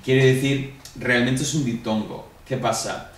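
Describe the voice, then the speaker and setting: A man's voice: medium pitch, fairly even intonation, unhurried. A man with a Spanish accent giving a review lesson to a class, explaining step by step and asking the students questions. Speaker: Greek teacher. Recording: echoey room, distant mic, faint hum.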